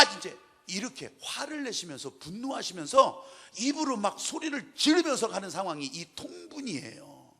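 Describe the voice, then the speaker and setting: A male pastor preaching a sermon in an animated, dramatic way, acting out the scenes he describes. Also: high voice, husky.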